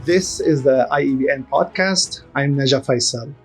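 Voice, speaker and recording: A man hosting a podcast, opening the show and welcoming his guest with clear, polite questions. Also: medium pitch, normal speed, faint music behind. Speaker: podcast host. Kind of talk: interview introduction.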